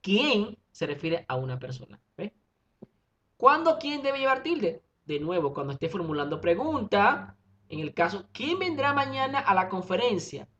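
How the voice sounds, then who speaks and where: A woman's voice: medium pitch, very animated, moderate pace, a bit bright. A woman teacher explaining a grammar lesson, reading out examples and checking in with short questions. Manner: reads out examples, checks in with '¿ve?' and '¿verdad?'. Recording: dull lo-fi recording.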